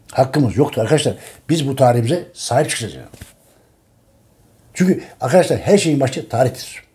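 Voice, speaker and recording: A man's voice: mid-range voice, darkish tone. A man in an impassioned monologue to his viewers, emphatic and urgent, repeating phrases and pleading with listeners. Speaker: channel host presenting his history book.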